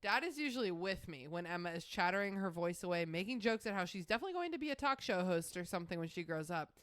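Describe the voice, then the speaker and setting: A woman's voice: fairly low pitch, animated, quick pace, fairly bright tone, clean tone, no room sound, studio quality. A woman co-hosting a podcast, reading old writing aloud and breaking off into joking asides with frequent laughter. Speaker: podcast co-host.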